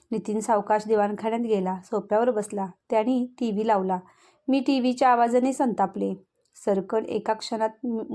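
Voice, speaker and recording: A woman telling a scripted emotional family story in the first person, in a measured way. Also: a little high, dark tone.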